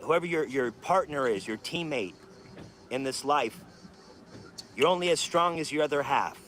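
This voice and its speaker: This man's voice is mid-range and a bit bright, with slight background noise. Hosting a live stream, he speaks straight to his chat viewers in a heated, emphatic, casual rant packed with swearing.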